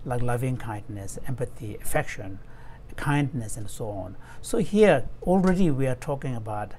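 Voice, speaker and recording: Man interpreting in a measured, explanatory way. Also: medium pitch, lively intonation, dark tone, a little hiss or hum. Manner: measured, explanatory, frequent fillers and restarts. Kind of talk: interpreting a Buddhist teaching in a dialogue. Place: room at home. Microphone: earphone headset mic on a video call.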